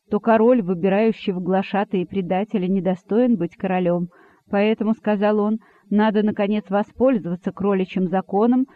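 A man's voice: high voice, no echo. A man narrating a storybook expressively, on a dry, phone-like recording. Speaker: audiobook narrator. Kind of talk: scripted narration. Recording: dry, phone-like narrow sound.

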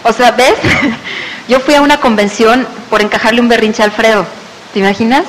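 A woman's voice: fairly high pitch, normal speed. Mexican woman, storyteller type, acts out the voices in her anecdotes; hall echo, faint hiss. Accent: Mexican Spanish. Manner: lively storyteller who acts out quoted voices. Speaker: speaker sharing a business testimony. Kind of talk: personal testimony told to an audience.

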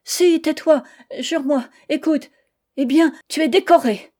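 A woman's voice: fairly high pitch, moderate pace, warm tone, lightly acted. A woman voicing a flustered, stammering wife. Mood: pleading. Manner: breathless, stammering and pleading. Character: flustered young wife guarding a secret.

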